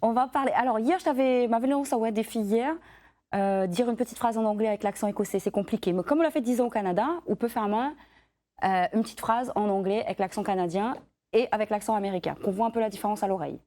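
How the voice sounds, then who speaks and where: A woman interviewing a guest on television, asking questions in a lively, informal way. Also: fairly high pitch, quick pace.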